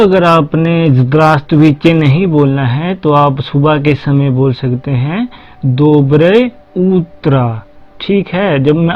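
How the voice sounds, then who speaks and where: A man talks through a casual lesson at an unhurried pace, spelling words out one letter at a time and circling back to repeat himself. His voice sits a little high. The recording is muffled and lo-fi. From Haryana, India. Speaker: language teacher. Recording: dull lo-fi recording.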